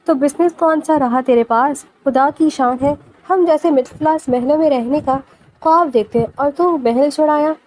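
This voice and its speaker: A woman's voice: high-pitched, a little mellow, a little hiss or hum, natural voice, low-quality recording. A woman voicing a young man's joking, casual best friend in a storybook reading. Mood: teasing casual. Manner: teasing, casual.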